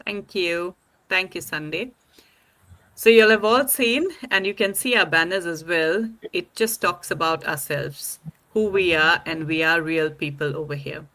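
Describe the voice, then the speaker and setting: A woman's voice: fairly low pitch, a little slow, sharp tone. A woman hosting a live online panel discussion over a video call, upbeat and welcoming.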